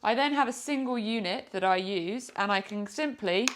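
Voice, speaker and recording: A British woman, a product reviewer and motorcycle vlogger, gives an informal, chatty review, explaining things as she goes. Her voice is medium-pitched at a moderate pace, with a little hiss or hum in the audio.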